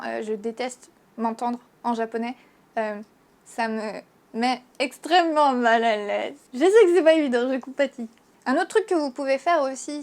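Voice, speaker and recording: Young French-accented woman, high voice, casual teacher explaining to camera, frank and chatty. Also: darkish tone. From France. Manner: chatty, frank, lots of fillers. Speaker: Japanese teacher and YouTuber. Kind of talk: casual video lesson.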